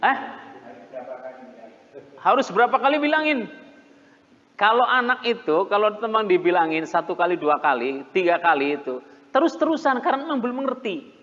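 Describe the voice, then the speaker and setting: A middle-aged man preaching a mosque sermon, animated and storytelling, sometimes laughing and mimicking shouts. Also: high voice, moderate pace, long pauses. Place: mosque hall. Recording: muffled reverberant hall recording.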